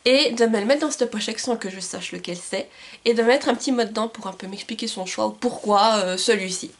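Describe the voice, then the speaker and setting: Woman, book vlogger, slightly high voice, loose chatty delivery with fillers, camcorder sound at home. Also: fairly bright tone. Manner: chatty, many fillers and restarts. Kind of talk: casual book haul chat. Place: home room with bookshelves and Christmas lights. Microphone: camcorder mic.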